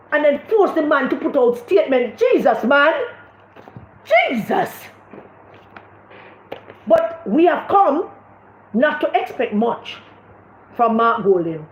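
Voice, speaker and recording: A woman's voice: sits high, sing-song, slow pace, long pauses, reverberant, slight background noise, low-quality recording. A Jamaican woman giving impassioned political commentary on a livestream, often repeating words as she searches for what to say.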